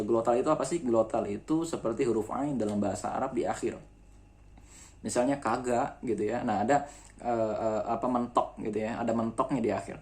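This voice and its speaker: Indonesian man explaining a school lesson. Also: mid-range voice. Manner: explanatory, frequent fillers and asides. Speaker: teacher. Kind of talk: classroom lecture.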